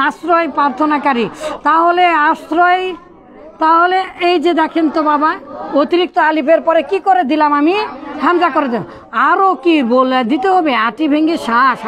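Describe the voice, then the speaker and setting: A man teaching Arabic grammar in a classroom lecture, quizzing his students and raising his voice at times. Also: very high-pitched. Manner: animated, quizzing students, bursts of raised voice.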